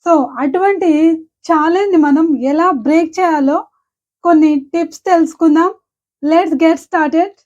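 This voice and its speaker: A woman with a Telugu accent teaching English pronunciation, saying each example word slowly and clearly several times. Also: very high voice, fairly even intonation, a little mellow, highs cut off. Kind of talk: pronunciation lesson.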